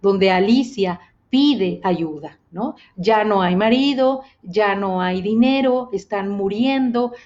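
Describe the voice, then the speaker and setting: A woman hosting a stream, moving between talking about the books and reading passages with feeling. Her voice sits at an ordinary middle pitch. The sound is dull and lo-fi. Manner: alternates explanation with expressive reading of passages. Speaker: host of a reading and storytelling stream. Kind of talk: reading aloud and commenting on novels.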